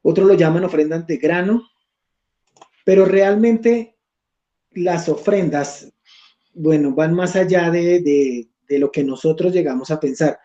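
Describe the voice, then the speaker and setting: Man teaching Bible study, mellow voice. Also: fairly high pitch, a little slow, lo-fi sound. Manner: reads scripture aloud, checks in with "¿listo?". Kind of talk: online Bible study class.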